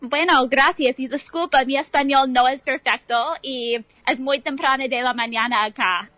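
A woman with an American accent, a native English speaker, answering interview questions in careful, halting second-language Spanish. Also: sits high, steady tone, pushed and bright, no room sound, low-quality recording. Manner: careful, halting speech with mistakes. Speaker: university anthropologist and event organizer, interview guest.

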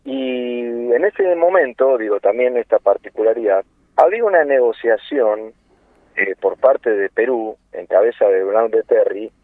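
A man's voice: mid-range voice, animated, normal speed, dry recording. A man around sixty with an Argentine accent, speaking earnestly as a guest in a political interview, with many hesitations and rhetorical questions. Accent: Argentine Spanish. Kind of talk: impassioned political phone interview. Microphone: telephone. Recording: tinny dry phone line.

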